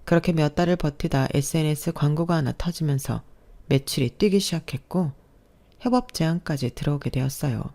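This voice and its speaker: A woman's voice: sits low, brisk, dark tone. Woman narrating a radio-drama story. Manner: plain, confiding first-person telling.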